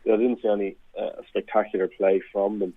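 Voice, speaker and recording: Man, tinny phone line, husky low voice, measured football chat. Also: flat delivery. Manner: measured, hedging, thoughtful. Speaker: podcast panelist.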